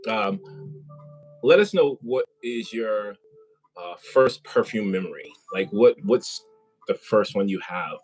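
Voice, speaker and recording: A man's voice: on the low side, animated, slow, a little mellow, husky, soft background music, low-quality recording. A man hosting a casual live interview, chatty and rambling with many fillers. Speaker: host. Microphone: compact wireless mic.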